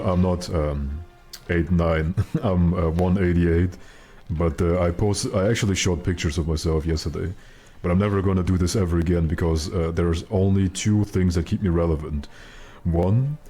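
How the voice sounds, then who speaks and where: A man with a very deep voice chatting casually with his stream viewers while gaming, in a joking, mock-serious way. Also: mellow, slightly rough. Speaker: live game streamer.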